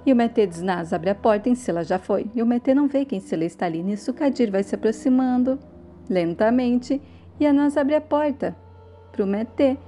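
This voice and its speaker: A woman's voice: a little high, lively intonation, fairly quick, mellow, faint music behind. A woman casually recapping a soap opera, telling in turn who says what. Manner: plain storytelling, repeating who says what.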